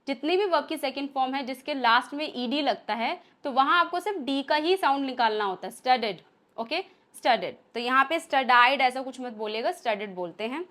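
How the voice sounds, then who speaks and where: A woman with an Indian accent leads a spoken English lesson in a high, bright voice. She explains patiently, one step at a time, and slows right down to read out each example sentence. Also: expressive. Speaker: English teacher.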